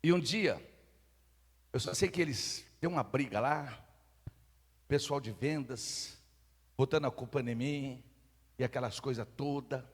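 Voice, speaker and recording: A man with a Brazilian Portuguese accent preaching a sermon, calling on the congregation to shout phrases back and shifting between loud fervor and quiet confiding talk. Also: mid-range voice, a little slow, long pauses, husky. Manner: call-and-response preaching, urging the congregation to repeat phrases. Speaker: pastor. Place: large church hall. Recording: long hall reverb.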